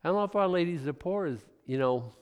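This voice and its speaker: A man's voice: a little high, lively intonation, fast talker, smooth. Man preaching in a reverberant hall. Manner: musing aloud, thinking through his guesses with chuckles. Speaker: pastor. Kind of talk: conversational Bible teaching.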